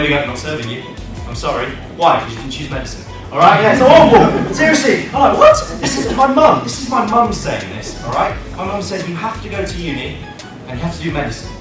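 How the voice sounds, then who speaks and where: Animated man in an echoey room. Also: sits high. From Manchester, England. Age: 30s. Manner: animated and jokey, with quick asides and acted-out quotes. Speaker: speaker for students. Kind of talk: lively live talk to students. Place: indoor classroom with a student audience. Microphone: camera at the back of the room. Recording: echoey room from far off, music behind.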